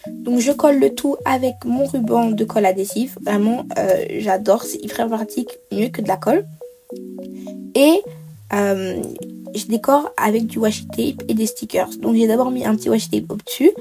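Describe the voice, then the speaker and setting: A woman's voice: on the high side, moderate pace, over music. Chatty woman narrating a craft tutorial. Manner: chatty, explains step by step with many hesitations. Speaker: bullet journal creator.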